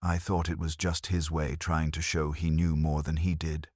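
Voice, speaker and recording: A man voicing a bewildered, grieving middle-aged village butcher in an audiobook, murmuring haltingly. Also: extremely low pitch, level tone, darkish tone, no echo, studio quality.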